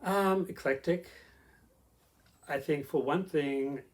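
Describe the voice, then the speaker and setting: A man's voice: on the high side, slow. A middle-aged man with an Australian accent, an interview guest telling his story in a rambling way with many fillers. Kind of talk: casual conversational storytelling.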